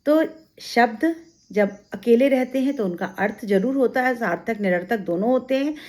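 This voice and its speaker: A woman's voice: fairly high pitch, expressive, moderate pace, darkish tone. A woman teaching an exam-prep grammar lesson. She explains step by step, asking rhetorical questions and giving examples.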